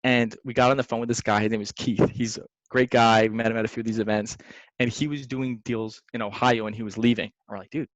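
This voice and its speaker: A young man, a real estate investor, telling stories in a casual podcast chat, slangy and lively, calling people "man" and "dude". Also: mid-range voice, fast, dry recording. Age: young adult. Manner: animated, slangy, says "man" and "dude" often. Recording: dry, slightly dull sound.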